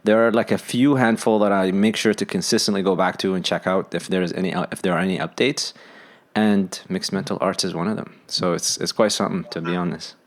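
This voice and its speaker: A man with a deep, low voice talks as a podcast guest over a call. He tells his life story in long, relaxed answers, full of "um" and "uh". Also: brisk, a little hiss or hum. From born in Saudi Arabia, raised there and in Sudan, then Canada. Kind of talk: casual interview talk. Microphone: phone or online call.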